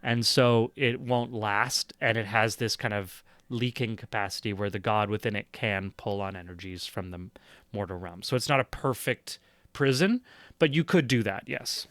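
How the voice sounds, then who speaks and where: Man, game master, steady unhurried narration, plenty of ums, dry close recording. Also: on the low side, no echo. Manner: measured, thinking aloud with fillers.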